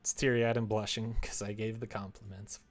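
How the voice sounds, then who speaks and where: Speaking a little fast in a lowish voice with a level tone, a man casually streams his visual novel work. He giggles and plays around, talking to himself and thinking aloud as he goes.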